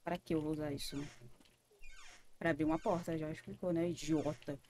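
A woman's voice: sits low, fairly even intonation, brisk, mellow, a little hiss or hum. A Brazilian woman streaming a horror game, jumpy and scared, swearing often and talking to herself. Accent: Brazilian Portuguese. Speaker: gaming streamer. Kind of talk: live gaming commentary.

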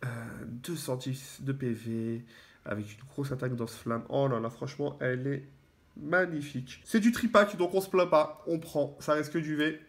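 A man giving casual, excitable commentary as he opens trading card packs, full of fillers and repeated words. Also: mid-range voice, moderate pace.

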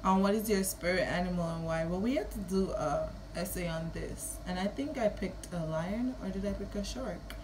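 A woman's voice: fairly low pitch, normal speed, hardly any pauses, noisy background. A woman in her early twenties with a Kittitian-Nevisian Caribbean accent, chatting casually and playfully to camera. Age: early 20s. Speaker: vlogger. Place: small room at home.

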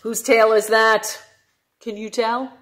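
A young adult woman, a children's librarian reading aloud at story time in an animated, sing-song, questioning manner. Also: fairly high pitch, slow.

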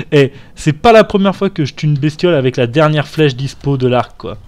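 Young male gamer, casual commentary, slightly high, profane asides. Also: expressive, a little fast, a little mellow. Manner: casual, swearing, chatty asides. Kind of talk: let's play commentary.

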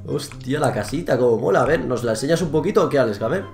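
A man's voice: medium pitch, animated, fast talker, creaky, a little mellow, faint music behind. A young man with a Spain Spanish accent, teasing another player in casual gaming chat. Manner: teasing, mock-friendly. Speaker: youtuber pranking a player.

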